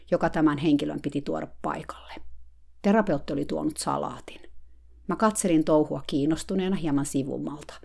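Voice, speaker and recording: A woman reads her diary entry aloud, telling it in a dry, wry way. Her voice sits low. It has a gravelly creak to it. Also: dark tone. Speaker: blogger narrating a diary. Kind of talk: read diary narration.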